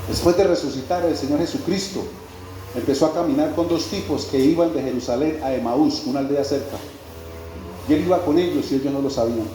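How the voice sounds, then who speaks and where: A man's voice: a little high, brisk. A male pastor preaching a sermon in a church hall, repeating his phrases and putting pointed questions to the congregation. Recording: very echoey church hall, faint background noise.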